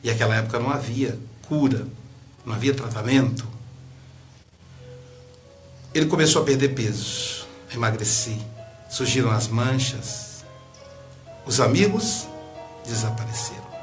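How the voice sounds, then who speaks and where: A man's voice: medium pitch, expressive, unhurried, pauses often, soft background music. A man with a Brazilian accent telling an emotional story in a talk, his voice swelling and dropping for effect. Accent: Brazilian Portuguese. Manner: dramatic, with sudden swells and drops in volume. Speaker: speaker.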